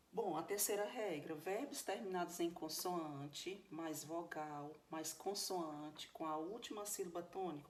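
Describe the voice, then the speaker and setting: Brazilian lady teacher, lowish voice, goes thru rules slowly and keeps asking if u got it, bit of faint noise behind. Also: darkish tone. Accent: Brazilian Portuguese. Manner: patient, step-by-step explaining, checks in with "tá certo?". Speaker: English teacher. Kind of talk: recorded video lesson.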